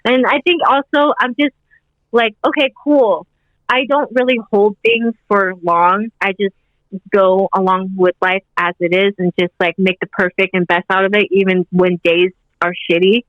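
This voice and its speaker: A woman's voice: mid-range voice, fairly even intonation, moderate pace, dry recording, phone-quality sound. A woman in her twenties, a podcast guest chatting casually in an upbeat, rambling way, leaning on "like" a lot. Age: 20s. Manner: rambling, upbeat, heavy use of "like". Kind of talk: casual interview chat.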